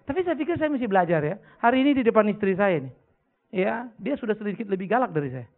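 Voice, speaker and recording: Gravelly high-voiced pastor. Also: male voice, sing-song, fast talker. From North Sumatra, Indonesia. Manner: blunt, joking storyteller, swings between loud outbursts and quiet confession. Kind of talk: sermon with audience Q&A. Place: church hall before a congregation. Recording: tinny lo-fi phone-like recording.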